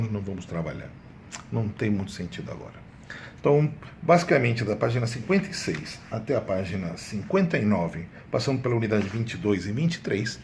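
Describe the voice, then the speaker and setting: Low-voiced man teaching a grammar lesson. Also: darkish tone, a little hiss or hum. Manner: repeats key words, drawn-out emphatic examples. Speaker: Spanish teacher. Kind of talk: exam review lesson.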